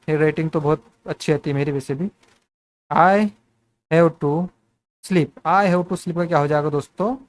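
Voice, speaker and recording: A man with a fairly high voice teaches spoken English, explaining each sentence in Hindi. He keeps asking what a line will become and calls his viewers friends as he steps through examples. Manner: repetitive questioning, addresses viewers as friends.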